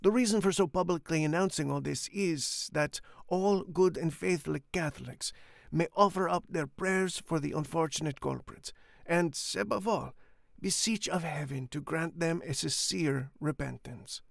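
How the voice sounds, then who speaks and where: In a studio-quality recording with no room sound, a man with a slightly high, gravelly voice reads an audiobook character at a moderate pace. He plays a fawning, self-satisfied old Italian innkeeper, putting on an Italian accent and a formal, obsequious manner.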